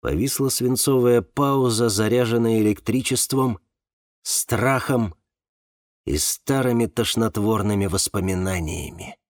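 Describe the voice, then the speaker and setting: An audiobook narrator reads a novel in a measured, expressive way, delivering scripted narration. His fairly low voice is captured in a dry, studio-quality recording.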